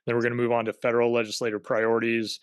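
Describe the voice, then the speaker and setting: A man presenting on a video-call webinar as a government affairs director, speaking haltingly with many fillers and restarts. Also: medium pitch, completely flat delivery, smooth, dry recording.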